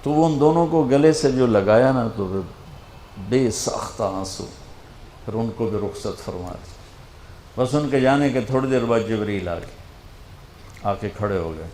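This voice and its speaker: An older man preaching an emotional sermon, telling a story with dramatic swings and dropping to a hush for quoted lines. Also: medium pitch, long pauses, reverberant, a little hiss or hum. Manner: dramatic, quotes figures in a hushed voice.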